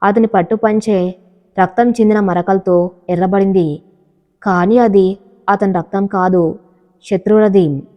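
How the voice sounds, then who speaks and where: A woman narrating a dramatic love story in a steady reading voice, taking on every character's lines herself. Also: medium pitch, big-room sound, lo-fi sound.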